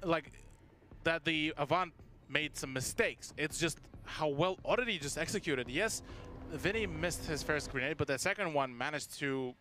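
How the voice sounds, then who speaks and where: A man's voice: on the high side, moderate pace, bright, forceful tone. A man giving live esports commentary in a wordy, analytical way. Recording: faint background noise.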